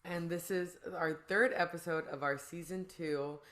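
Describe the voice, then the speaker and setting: A woman's voice: fairly low pitch, steady tone, a little slow, fairly bright tone. A woman hosting a podcast, chatting casually in a rambling, slangy way. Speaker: podcast host. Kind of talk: casual chat.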